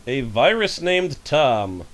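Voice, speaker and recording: A man hosting a casual podcast over a voice call, telling rambling, animated stories. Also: medium pitch, slow, a loud crowd. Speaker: podcast host. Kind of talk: casual chat. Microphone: home microphone over a voice call.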